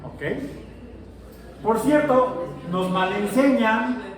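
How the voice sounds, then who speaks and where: A man's voice: high-pitched, drawn-out words. A middle-aged man teaching a science class, chatty and jokey, asking his students questions as he lectures. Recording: echoey classroom from far off, faint noise.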